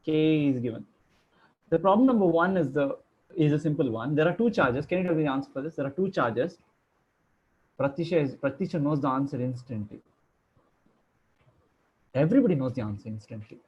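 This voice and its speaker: A man's voice: on the high side, lively intonation, a little fast, long pauses, slightly rough, dull audio. A man teaching a class over a video call, chatty and joking as he quizzes his students. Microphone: computer microphone on a video call.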